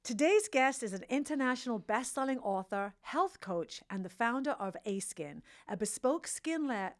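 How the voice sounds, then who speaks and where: A woman's voice: on the high side, lively intonation, normal speed. Woman, fifties, podcast host, frank, playful, casual interview talk. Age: 50s. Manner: frank and playful, swears at her own slips.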